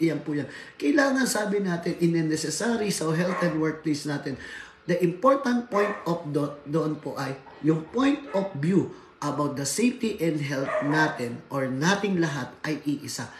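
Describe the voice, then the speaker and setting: A man from the Philippines giving a workplace safety seminar lecture, switching between Tagalog and English and often adding tag questions like "right?". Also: fairly high pitch. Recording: echoey room, faint background noise.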